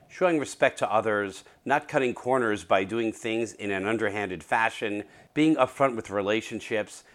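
A man's voice: fairly low pitch, a bit bright. A man hosting an interview podcast, closing with a scripted summary and a plain sign-off. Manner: laughs often, ends with a playful spoken rap. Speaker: podcast host.

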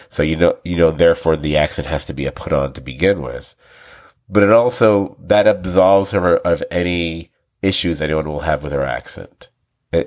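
A man co-hosting a TV review podcast, rambling casually with restarts, laughing often and acting out quoted lines. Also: rumbling low. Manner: acts out quoted lines with animated voices. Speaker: podcast co-host.

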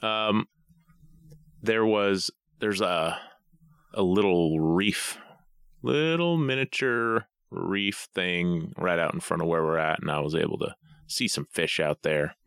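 A man co-hosting a podcast in a casual chat, rambling through long, drawn-out stories. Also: sits low, fairly bright tone, clean tone, no room sound, clean studio sound. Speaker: podcast co-host. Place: home basement studio.

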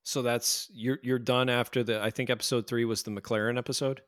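An American man hosts a casual podcast chat, keeping it light and joking as he steers the conversation. His voice sits at a middle pitch for a man. The sound is dry and close, with no room around it. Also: level tone, fairly quick, fairly bright tone, no room sound. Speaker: podcast host.

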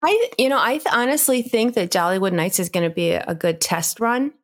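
A woman's voice: mid-range voice, lively intonation, a little fast. A woman co-hosting a podcast, chatting casually with many fillers. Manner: friendly, rambling with many fillers. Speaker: podcast co-host and park reporter.

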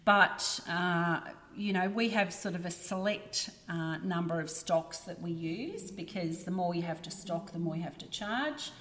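A woman's voice: fairly low pitch, a little slow, few pauses, a bit bright, in a large hall. A woman talking casually as a podcast guest, with lots of ums and you knows. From Australia. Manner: chatty, many fillers like um and you know. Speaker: guest, printing business representative.

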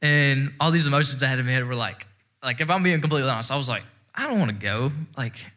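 A man's voice: mid-range voice, racing, sharp tone. A young man sharing a rambling, heartfelt testimony to a church audience, full of fillers. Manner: rambling and heartfelt, heavy with fillers, breaks into laughter. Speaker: church speaker giving testimony. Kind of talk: personal testimony to a congregation.

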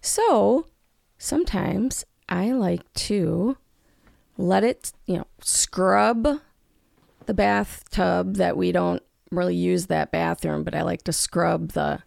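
Chatty gal co-host on a relationship podcast, real gravelly, takes her time. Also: fairly low pitch, takes it slowly, darkish tone, no room sound, studio quality. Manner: chatty storyteller, teasing interjections. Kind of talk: casual relationship podcast chat.

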